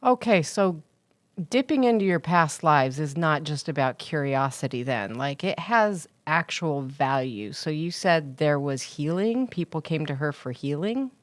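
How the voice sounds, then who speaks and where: A woman with a low-pitched voice interviews a guest in a conversational style. She sounds curious and informal, reacting expressively, in a very dry recording. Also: animated, unhurried, no echo. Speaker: interviewer, host.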